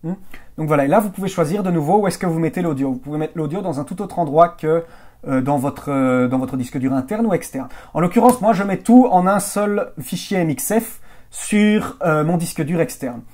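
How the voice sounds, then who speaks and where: A man explaining editing software settings in a tutorial, halting often with fillers and restarts and checking in with viewers. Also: on the high side. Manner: addresses viewers directly with check-in questions. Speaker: video editing trainer. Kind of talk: screen-recorded software tutorial.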